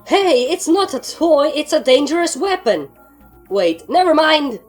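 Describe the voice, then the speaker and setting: A woman voicing an excitable, gun-loving female pony soldier in a fan story reading, high and whiny when excited. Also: measured pace, faint music behind, lightly acted. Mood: shrieking.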